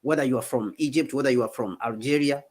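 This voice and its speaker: A man's voice: medium pitch, fast. A man from South Africa giving impassioned, repetitive political commentary as co-host of a livestream. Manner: emphatic, repetitive, rallying tone. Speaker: co-host of a Pan-African talk stream.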